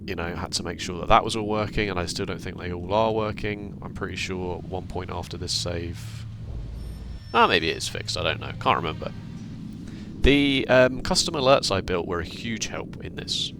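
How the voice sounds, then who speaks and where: A British man with a low voice hosts his gaming channel at normal speed, with background noise and faint music behind him. He walks through his setup step by step in casual commentary laced with dry, self-deprecating humour.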